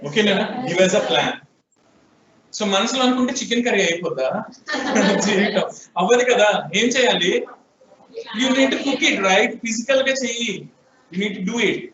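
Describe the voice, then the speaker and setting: In an echoey room captured distantly on dull, lo-fi audio with background noise, a Telugu-accented man lectures on programming. His high voice has lively intonation and an unhurried pace, and he keeps questioning his students and prompting their answers.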